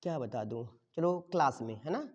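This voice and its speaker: A man's voice: medium pitch, expressive, moderate pace. Male tutor, quizzing style, keeps checking the class understands; recorded dull with a long reverb tail. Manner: quizzes the class and answers his own questions; checks in with "okay?" after each step. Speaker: teacher. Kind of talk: grammar lesson.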